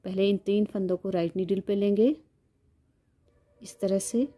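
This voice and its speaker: A woman's voice: mid-range voice, fairly even intonation, measured pace, mellow. A woman giving a step-by-step knitting tutorial, patiently counting stitches aloud and repeating each instruction.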